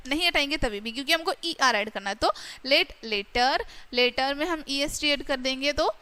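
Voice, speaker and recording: A woman teacher with an Indian accent explaining an English grammar lesson, reading sentences out slowly in English and explaining them more quickly in Hindi, often checking in with her students. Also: sits high, pushed and bright.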